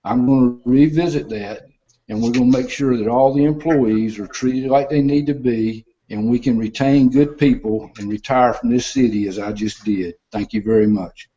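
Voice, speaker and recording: Older man on a video call, mellow. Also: mid-range voice, normal speed, highs cut off. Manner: plainspoken, repeating "we're gonna" pledges. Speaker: mayoral candidate. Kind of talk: answering a forum question.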